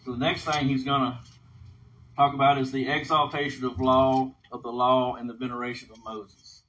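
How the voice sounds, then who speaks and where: A level-toned, mid-range, slightly bright male voice leads an informal Bible lesson at a moderate pace, reading aloud and explaining instructively. He keeps checking in with "okay?", and the lo-fi audio is dull with faint background noise.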